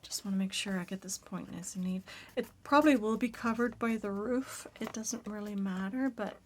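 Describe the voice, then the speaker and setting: Raspy-voiced woman, casual crafting host, soft-spoken, drifts into whispers. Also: mid-range voice, normal speed, a little hiss or hum. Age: adult parent.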